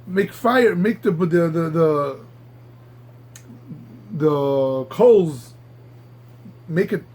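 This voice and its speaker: Talmud teacher, man, high husky voice, halting and repeating words as he teaches. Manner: halting, repeats words while reaching for the next; animated, marvels aloud at the text. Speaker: Torah teacher. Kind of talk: Talmud class lecture.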